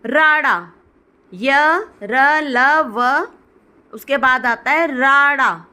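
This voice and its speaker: A woman with a high, bright voice teaches the alphabet at a slow, careful pace. She calls out each letter name one by one, drawing the sounds out. In between she explains patiently to her viewers, calling them guys. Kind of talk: slow spoken alphabet lesson.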